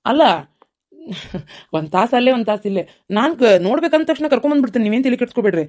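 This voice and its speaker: A woman's voice: fairly high pitch, animated, darkish tone, close to an everyday voice. A woman voicing an earnest, devoted young husband in a cartoon, with a North Karnataka Kannada accent. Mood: reassuring. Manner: fast and earnest.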